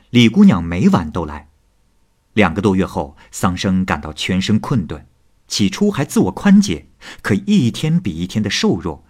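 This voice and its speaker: A man retelling a classical ghost tale in a lively, expressive storytelling style. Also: on the low side, husky.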